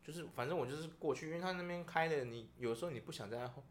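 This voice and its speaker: A man with a slightly high voice and a Taiwanese Mandarin accent speeds through his podcast, animatedly telling stories and ranting in casual conversation.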